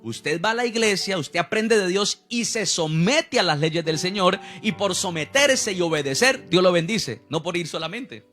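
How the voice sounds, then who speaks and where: A man's voice: sits high, lively intonation, normal speed, hardly any pauses, a bit bright, soft background music. A man preaching a sermon as pastor, asking rhetorical questions and acting out what people say.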